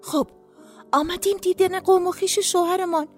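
A woman voicing an anxious, cautious pregnant young village woman in a storybook reading, with a soft raised voice. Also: very high voice, steady tone, soft background music, voice pushed up. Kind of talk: storybook narration.

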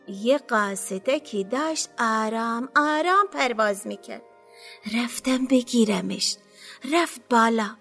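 A woman's voice: sits high, a bit bright, voice pushed up, heavily acted. A woman voicing a wary, secretive fellow prisoner.

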